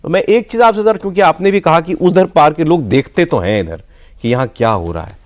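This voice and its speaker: A male TV news anchor with a somewhat high voice and a lively, swinging intonation. He sets up the discussion and questions his guest animatedly, mixing English words into his talk. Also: fairly quick. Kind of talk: hosting a TV discussion.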